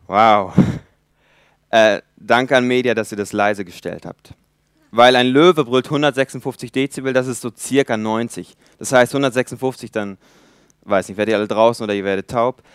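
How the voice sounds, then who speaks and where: Young man in his twenties preaching, resonant voice, dry close sound, emphatic with loud and quiet swings. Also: medium pitch, fairly quick, clean tone, dry recording. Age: 20s. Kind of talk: sermon.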